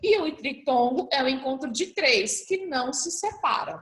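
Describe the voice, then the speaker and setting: A woman's voice: high-pitched, animated, normal speed, a bit bright, roomy sound. A woman teaching a primary school class, patiently spelling out letters one by one as she reviews for a test. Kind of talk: recorded class review lesson.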